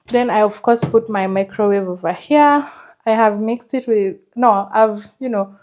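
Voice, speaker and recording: A woman's voice: medium pitch, unhurried, darkish tone, a little hiss or hum. A woman giving a casual, chatty house tour, enthusiastic about what she shows. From Kenya. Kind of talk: casual vlog chat.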